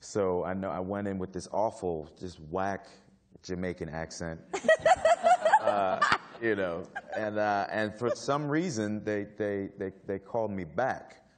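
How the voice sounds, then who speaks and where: A man on a panel telling a casual story to an audience. He talks haltingly, with many fillers and restarts, and laughs often. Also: low-pitched. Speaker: actor on a panel. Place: stage before a live audience.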